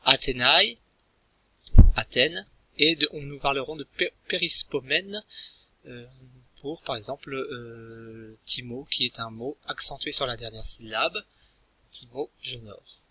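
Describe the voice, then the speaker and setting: Male teacher, very bright voice, halting delivery, dry close-miked sound. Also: mid-range voice, slightly rough, dry recording. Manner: hesitant, many filler sounds and restarts. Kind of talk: recorded language lesson.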